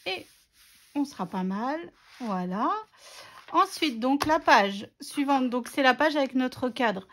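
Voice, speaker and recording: A woman's voice: sits high, lively intonation, slow pace, fairly bright tone. A woman narrating a scrapbooking tutorial in a chatty, self-mocking way, with many fillers. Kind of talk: casual craft tutorial narration.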